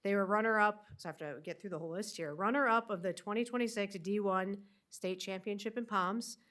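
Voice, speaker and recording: A woman's voice: medium pitch, fairly quick, fairly bright tone. A woman with a nasal voice from a winter cold, giving a superintendent's upbeat update at a school board meeting. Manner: upbeat, with many fillers.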